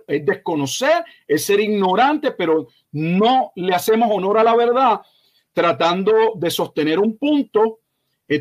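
Pastor guy with a high voice, slow deliberate teaching, keeps stressing what's false. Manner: emphatic, corrective, measured explanation; slow, deliberate delivery with frequent hesitations. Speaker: pastor, guest expert. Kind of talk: teaching interview answer.

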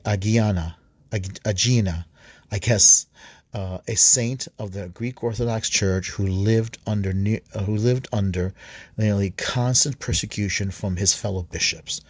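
Priest-host, low husky voice, dry close sound; reads an article aloud, trips over words and fixes them. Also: male voice, fairly even intonation, no room sound. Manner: halting, restarts words and corrects himself. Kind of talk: reading an article aloud with commentary.

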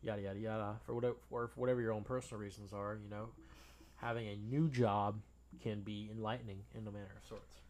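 A young man co-hosting a podcast, chatting casually in a relaxed, rambling way with lots of fillers. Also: on the low side, quick pace. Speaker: podcast co-host. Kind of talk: casual chat.

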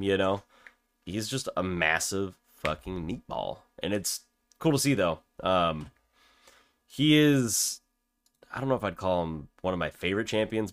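A man's voice: deep voice, fairly bright tone. A man co-hosting a casual podcast chat, laid-back, swearing freely and laughing often. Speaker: podcast co-host.

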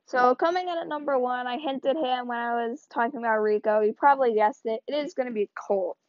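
A woman hosts a podcast with loose, chatty, rambling talk, her fairly high voice tired and strained yet brisk. The sound is dull lo-fi, dry and echo-free.

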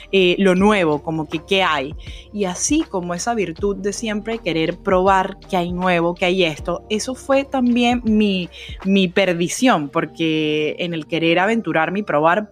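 A Venezuelan woman pours herself into a heartfelt faith testimony, talking with open feeling and passion. Her pitch sits at an ordinary middle height for a woman. Soft music plays faintly underneath. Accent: Venezuelan Spanish. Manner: emotional, passionate storytelling. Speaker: podcast host.

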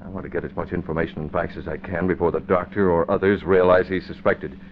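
An actor playing a serious, decisive crime-fighting newspaper man in an old radio drama, explaining firmly and deliberately. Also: low-pitched, flat delivery, close to an everyday voice. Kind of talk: mid-century radio drama acting. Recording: dull, faintly noisy old radio recording.

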